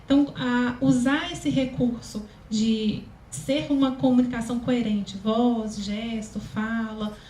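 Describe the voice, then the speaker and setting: A woman with a Brazilian Portuguese accent speaks to a live audience as a communication consultant. Her voice is high and thin, and her talk is chatty and full of fillers. The recording carries room echo and a faint ambient hiss. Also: steady tone, slow pace, few pauses, dark tone. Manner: chatty, many fillers, laughs often. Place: event hall, live audience.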